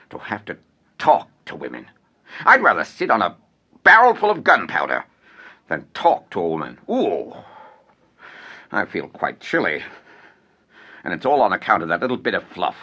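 A man's voice: low voice, big pitch swings, normal speed, pauses often, sharp tone, highs cut off, full character voice. An actor playing a blustering, irate male landowner who has come to collect a debt, ranting with theatrical outbursts. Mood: fuming. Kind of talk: stage play acting.

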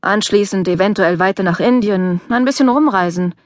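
A woman's voice: medium pitch, moderate pace, no echo, lightly acted. An offhand, self-assured rich young man from a storybook, flippant about his plans, read by a woman narrator. The voice stays close to her own, in a dry, close recording.

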